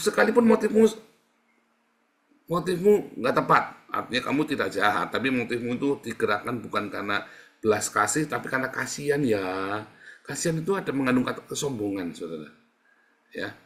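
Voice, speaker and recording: A male pastor preaching in casual, conversational style, asking rhetorical questions and answering them himself, swinging between loud emphatic peaks and quiet asides. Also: medium pitch, animated, brisk. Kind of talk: sermon.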